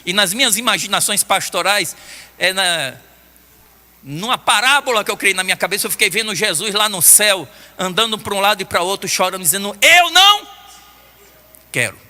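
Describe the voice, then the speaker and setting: An older man with a Brazilian Portuguese accent preaching a sermon, telling stories in an animated way with bursts of shouting. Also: high-pitched, brisk. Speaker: pastor. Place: church hall. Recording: long hall reverb.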